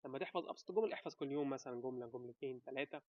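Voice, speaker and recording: An Egyptian man with an Egyptian Arabic accent gives casual advice to camera, animated and talking straight to the viewer with quick rhetorical questions. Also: mid-range voice, no room sound, highs cut off. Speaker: vlogger giving advice.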